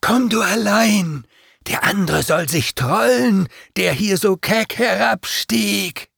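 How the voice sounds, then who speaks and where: A menacing crowd of fallen angels hisses from behind a gate in this storybook reading, with a man voicing them. The voice climbs high and crawls along slowly, and each word comes out hissed and gritty over a dry, close sound. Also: vocal fry, a bit bright, slightly rough, no room sound, exaggerated voice. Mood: scornful. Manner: hissing, drawn-out, menacing.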